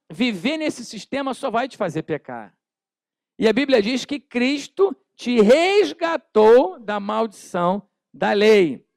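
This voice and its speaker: High gravelly Brazilian pastor preaching. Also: male voice, no room sound, studio quality. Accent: Brazilian Portuguese. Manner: animated, acts out little scenes with shouted voices; calls on the congregation to repeat phrases. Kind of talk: sermon. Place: church.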